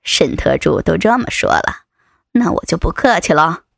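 In a dry, close recording, a woman uses a gravelly, heavily acted voice with big pitch swings to play a lecherous male vice president in an erotic audio story. Her delivery is low, mocking and teasing, with a leering mood, at a moderate pace.

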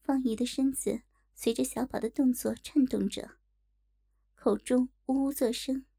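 Woman narrator, mellow, higher pitch, steady storybook read. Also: vocal fry. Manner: steady, measured reading. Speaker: audiobook narrator.

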